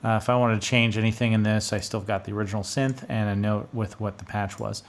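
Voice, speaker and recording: A middle-aged man, a music producer and video host, rambles and thinks aloud in casual screen-share commentary. His lowish voice moves at a quick pace with fairly even intonation. He speaks indoors in a small home studio, close to a studio condenser mic on a boom arm.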